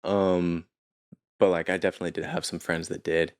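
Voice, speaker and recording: A man's voice: deep voice, fairly quick. Laid-back young man telling stories. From Utah, United States. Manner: relaxed, chuckles often while telling stories. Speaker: podcast guest. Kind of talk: casual storytelling chat.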